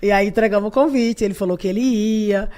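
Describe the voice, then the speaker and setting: A Brazilian woman with a Brazilian Portuguese accent, a podcast guest telling animated stories full of laughter. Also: medium pitch, fast. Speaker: guest, youth party leader. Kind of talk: casual storytelling interview.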